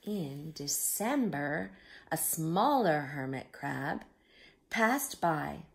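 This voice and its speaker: A woman reading a picture book aloud to young children, expressive, with simple explanatory asides. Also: low-pitched, drawn-out words, gravelly. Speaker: children's storyteller.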